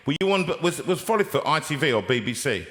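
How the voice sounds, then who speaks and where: An older British man hosting a casual, chatty interview in a lively, jokey, rambling way. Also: fairly high pitch, quick pace. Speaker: show host.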